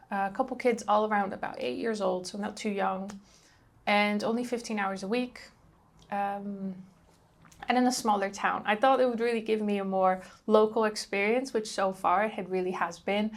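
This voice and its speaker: This is a young travel vlogger from the Netherlands with a mid-range voice and a Dutch accent. She chats to the camera in a relaxed way, peppering her talk with ums and likes.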